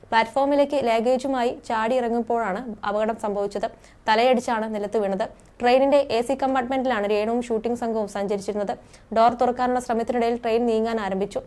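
A young adult woman reading a scripted entertainment news voice-over in a brisk, steady manner. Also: on the high side, clear, resonant tone. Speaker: news narrator.

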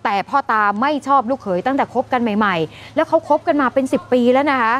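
A woman news anchor addressing viewers and recounting a crime story in a brisk, emphatic way. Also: sits high, lively intonation. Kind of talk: news commentary.

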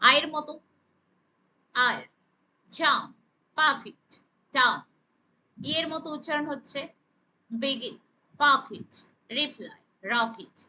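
A woman teaching English pronunciation, slowly spelling out letter sounds one by one in a deliberate, emphatic way. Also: sits high, sharp tone, highs cut off. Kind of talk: slow, deliberate pronunciation lesson.

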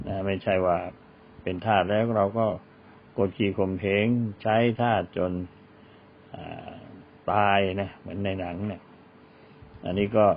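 A man's voice: gravelly, a little hiss or hum. A man giving an Islamic religious lecture, reciting Arabic verses and explaining them. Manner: recites Arabic verses then explains in Thai, acts out quoted speech. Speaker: Islamic teacher. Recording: tinny phone-like low-fi recording.

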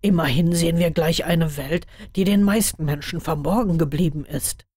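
A guarded, weary young wizard who speaks low and measured, as a woman reading a story puts him on. The tone is dark and mellow, a touch deeper than her narration. It sounds dry and close to the mic. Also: breathy edge, no room sound. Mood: subdued. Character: tired young male wizard, guarded, thoughtful.

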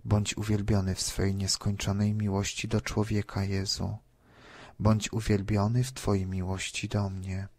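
Solemn male devotional reader, slow and flat, dry close sound. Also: lowish voice, no echo. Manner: measured, reverent. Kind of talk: solemn scripture and prayer reading.

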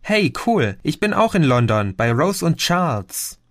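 A chatty, cheeky young woman, read by a male audiobook narrator who lifts his voice for her. She talks brightly and tosses in questioning tags at the ends of her lines. The recording is dry and close. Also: on the high side, a little slow, no room sound, pitched above the performer's own voice. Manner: lively, often ends with a questioning "oder?".

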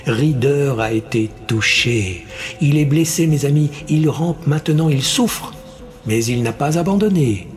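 A man voicing a theatrical television host who speaks slowly and emphatically. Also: fairly high pitch, expressive, faint music behind. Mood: grandiose. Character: smooth male TV show host, grandiose.

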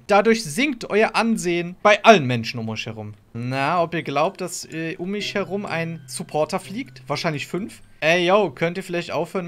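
Pushy, mocking man with a lively voice. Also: high voice. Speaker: streamer playing on a roleplay game server. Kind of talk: gaming roleplay chat over voice chat.

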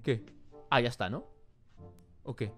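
Over music, a young YouTuber with a Spain Spanish accent reacts casually, swinging between loud exclamations and muttered asides. His voice is mid-range and unhurried.

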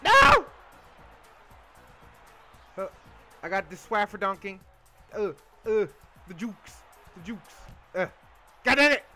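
Excitable man gamer, very high-pitched, bursting into shouts. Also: measured pace, pauses often, faint music behind. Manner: playful silly sound-making and chanting. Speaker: gamer playing a video game. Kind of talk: excited gameplay commentary, casual.

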